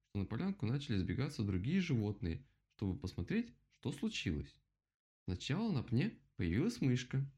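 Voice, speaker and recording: A man reading a children's story aloud as narrator, expressive. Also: medium pitch, husky.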